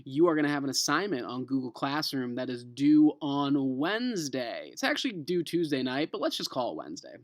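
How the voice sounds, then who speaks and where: An elementary school teacher, a man with an American accent, reads aloud from a children's novel and explains it to his class in an emphatic, expressive manner. His voice is medium in pitch and fairly quick, with hardly any pauses.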